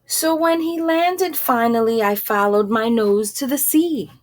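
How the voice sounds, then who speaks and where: A woman with a fairly high voice slowly reads a children's story aloud. Her delivery is informal and halting, in short phrases broken by pauses, and she speaks directly to her listeners.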